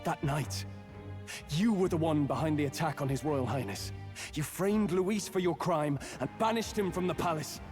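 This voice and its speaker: A man's voice: fairly high pitch, normal speed, lightly acted. An actor playing a resolute, righteous young male hero in a video game drama. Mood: accusing. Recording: background music.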